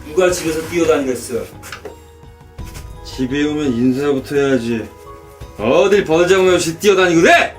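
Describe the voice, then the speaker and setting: A man playing an angry drunken father who yells and curses at his child and wife, with music playing behind. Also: on the high side, moderate pace, pauses often, close to an everyday voice. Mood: angry scolding. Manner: yelling, cursing, contemptuous. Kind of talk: amateur campaign drama.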